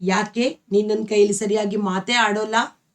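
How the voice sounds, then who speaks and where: A woman voicing a shy, admiring village schoolgirl in a storybook reading, with soft, colloquial speech. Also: mid-range voice, fairly even intonation, normal speed, lightly acted. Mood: hurt.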